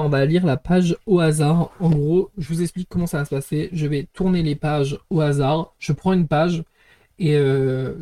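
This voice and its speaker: A man with a fairly high, dark-toned voice hosts a book podcast. He gives a casual, rambling review full of fillers and self-corrections. He's self-deprecating and chuckles at himself.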